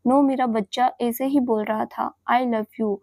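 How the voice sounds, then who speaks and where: A stern young fiancé, as a woman reads him in her own slightly high voice, scolding firmly but tenderly. Her words come out dry and close, with no room around them. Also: fairly even intonation, unhurried, warm tone, no echo. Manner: scolding, firm yet tender.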